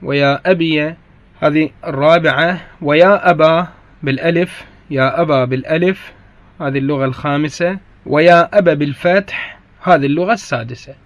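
A man's voice: fairly high pitch, fairly quick, no room sound, lo-fi sound. A man with an Iraqi Arabic accent teaches a grammar lesson. He explains each point in turn, repeats the key phrases and corrects himself mid-sentence.

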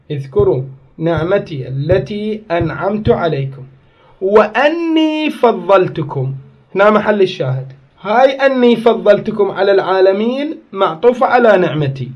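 A man with an Iraqi Arabic accent teaching a grammar lesson, slowly repeating phrases so his students can write them down. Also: sits high, muffled recording.

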